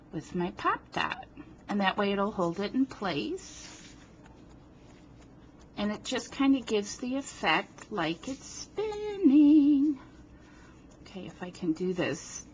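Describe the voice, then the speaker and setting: A medium-pitched woman from New Jersey, recorded with slight hiss or hum, hosts a relaxed card-making tutorial indoors at her home craft table. She talks as she works, poking fun at herself and sniffling from a runny nose, with a tripod-mounted camera looking down from above.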